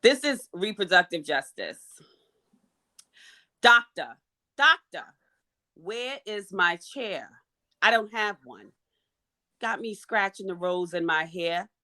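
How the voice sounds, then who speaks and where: A woman's voice: mid-range voice, expressive, slow pace, pauses often, sharp tone. A woman on a video call, a panelist who performs a spoken-word poem and speaks with a rhythmic, emphatic delivery. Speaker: panelist, menstrual health advocate.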